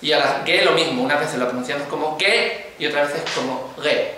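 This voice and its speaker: In an echoey classroom with faint noise, a man with an Andalusian Spanish accent lectures on phonology. His voice is fairly high, bright and forceful, a little fast, and he regularly stops to ask whether his students are following his explanations.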